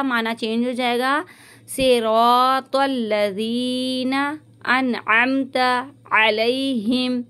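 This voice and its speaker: A woman teacher giving a recitation lesson to women, patiently modeling each word slowly and repeating it. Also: a little high, a bit bright, clean tone.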